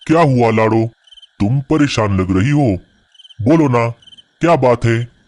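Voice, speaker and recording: A man voicing a steady, reassuring father bird in a cartoon, calmly explaining plans. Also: medium pitch, slow pace. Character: calm, reassuring father bird, practical provider.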